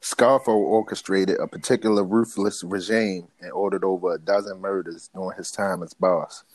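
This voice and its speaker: A man joining a podcast as guest, chatting casually with quick upbeat reactions. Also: sits low, fairly even intonation, no echo.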